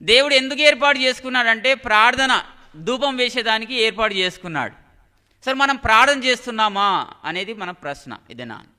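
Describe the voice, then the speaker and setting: High, bright-voiced preacher in an echoing hall. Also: male voice, animated, fairly quick. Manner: keeps asking the congregation rhetorical questions. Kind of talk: sermon. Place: church hall. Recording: long hall reverb.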